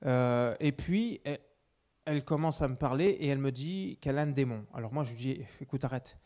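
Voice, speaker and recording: Dark-voiced man telling a testimony. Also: mid-range voice, fairly quick. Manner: storytelling with many restarts, swings between loud and hushed. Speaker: preacher giving a testimony. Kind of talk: personal testimony in a sermon.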